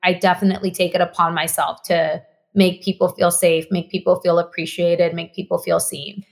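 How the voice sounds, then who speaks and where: With a fairly low, creaky voice and flat delivery at normal speed, a native Spanish speaker from Mexico talks earnestly as a podcast guest. In this casual conversation she often starts over and repeats phrases to stress them.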